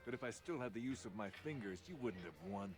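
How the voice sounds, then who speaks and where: A man's voice: fairly low pitch, expressive, fast talker, music in the background, lightly acted. An actor voicing a bitter, boastful male duelist in a video game, grudging in defeat. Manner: grudging, boastful about past strength. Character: bitter beaten male duelist with maimed fingers.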